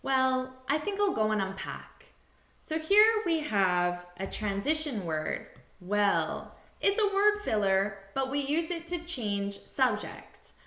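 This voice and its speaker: A woman teaching English, speaking deliberately and repeating example phrases again and again. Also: a little high, very animated, background noise. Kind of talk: language lesson. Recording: echoey room.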